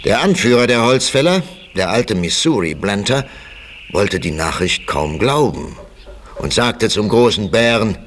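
A man's voice: lowish voice, lively intonation, a bit bright, a little hiss or hum. Man narrating an adventure radio play. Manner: measured, storytelling.

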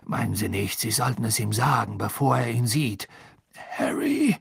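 A man voicing a panicked middle-aged male official in an audiobook, shrill and frantic. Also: normal speed, creaky, slightly rough, dry recording, studio quality, heavily acted.

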